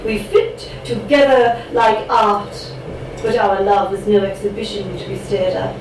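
A young Irish spoken word poet from Cork performs her poems with rhythmic drama, chatting casually between them. Her middle-pitched voice keeps fairly even intonation at a measured pace. Heavy room echo and background noise come through a distant pickup.

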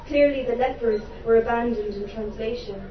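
At a live venue, a woman from Ireland delivers her own spoken word poems with theatrical passion and wry humor in her asides. She speaks at a moderate pace in a steady, slightly high voice. The recording is distant, roomy and dull, and background noise comes through.

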